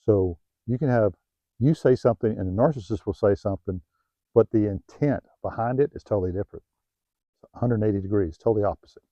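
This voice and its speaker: A middle-aged man with a Southern US accent gives heartfelt self-help advice, often restarting his phrases and growing quieter when he gets personal. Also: on the low side, brisk, dry recording, muffled recording. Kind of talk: earnest motivational talk to camera. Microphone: new home-video mic, dull sound.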